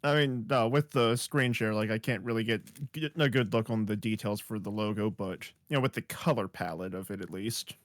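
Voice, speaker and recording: A man's voice: on the low side, steady tone, normal speed, few pauses, dry recording, studio quality. A man co-hosting a casual podcast chat over a voice call, easygoing and joking. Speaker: podcast co-host. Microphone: computer mic on a voice call.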